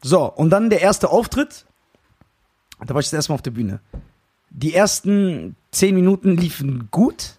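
A young man co-hosting a casual podcast, telling a story with animated retellings and frequent laughs. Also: a little high, measured pace, husky. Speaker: podcast co-host.

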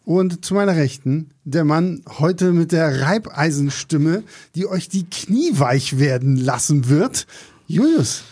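A middle-aged man with a slightly high-pitched voice. He hosts a film podcast in a casual, conversational style. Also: lively intonation, takes it slowly, darkish tone.

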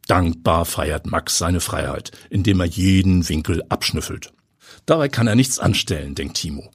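A man narrating a crime story aloud in a lively storytelling manner. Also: deep voice, normal speed, husky, no room sound, clean studio sound. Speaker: audiobook narrator. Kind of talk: scripted narration.

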